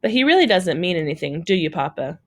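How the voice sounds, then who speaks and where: A woman's voice: fairly low pitch, big pitch swings, quick pace. A woman reading aloud, voicing a kind motherly woman in a children's storybook. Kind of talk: audiobook reading.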